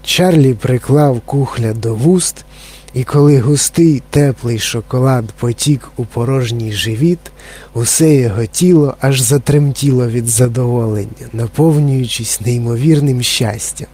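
A man narrating a children's story in a calm, even reading. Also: medium pitch, measured pace, husky.

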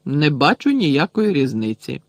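Man reading as a cold strict teacher, quiet and stern, dry close sound. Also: on the high side, big pitch swings, measured pace, no echo. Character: cold stern male professor. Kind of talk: audiobook character voice.

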